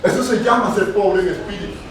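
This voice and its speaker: A man with a high voice preaches to his congregation, asking them questions and repeating his key phrases. He is heard from some distance, and his voice rings through a strongly echoing church. A faint hum of the room sits behind him. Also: steady tone, fairly quick. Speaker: pastor. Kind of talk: sermon. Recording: echoey church from far off.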